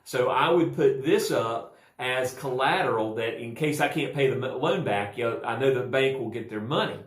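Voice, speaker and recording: A man's voice: mid-range voice, moderate pace, natural voice. A man voicing a humble frog asking a bank for a loan, in a plain, earnest voice. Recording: roomy echo.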